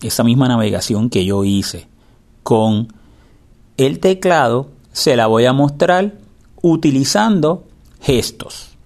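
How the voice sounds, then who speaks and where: A man with a medium-pitched voice gives a hands-on software lesson. He explains step by step in a patient instructor's manner, repeating the important parts. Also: expressive, takes it slowly. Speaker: instructor demonstrating a screen reader. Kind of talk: spoken step-by-step tutorial.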